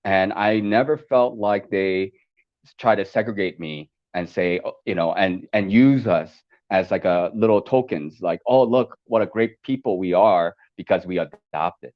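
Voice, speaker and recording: A man born in Korea and raised in America, chatting over a call and talking haltingly with many fillers and restarts. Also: low-pitched, highs cut off. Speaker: podcast guest. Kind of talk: casual chat over a call. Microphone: video call.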